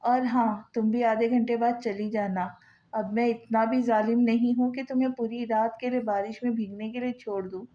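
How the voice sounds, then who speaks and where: A woman's voice: a little high, steady tone, normal speed, dark tone, lo-fi sound, lightly acted. A woman voicing a cruel, taunting young husband who mocks with false tenderness, read in her own voice from a novel. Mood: mocking.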